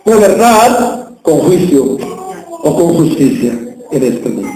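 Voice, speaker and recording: A man's voice: a little high, very animated, slow, warm tone, faint music behind. A male pastor preaching a sermon to a church, often asking the congregation questions. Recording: echoey church hall.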